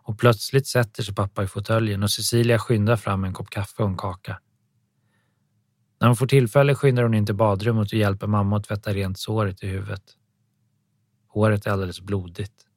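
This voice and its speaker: A man narrating an audiobook in a calm, even storytelling manner. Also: fairly low pitch, no echo, clean studio sound.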